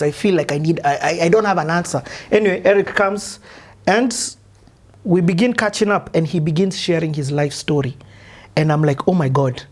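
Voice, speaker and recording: A man with a Kenyan accent hosting a casual interview, chatty, laughing often and slipping into Swahili. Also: a little high. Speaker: podcast host.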